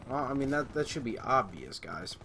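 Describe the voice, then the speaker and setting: A male gaming YouTuber talks through his gameplay in a loose, rambling way, padding his points with fillers and now and then raising his voice. Gunfire and game callouts sound clearly behind him. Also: mid-range voice, very animated, normal speed, noisy background. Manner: rambling, filler-heavy, loud at times. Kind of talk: casual gameplay commentary.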